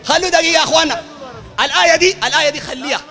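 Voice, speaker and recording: A man with a Sudanese Arabic accent, a preacher arguing emphatically in a heated public debate, often shouting and repeating phrases. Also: extremely high pitch, racing, in a large hall, soft background music, some chatter behind. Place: university hall.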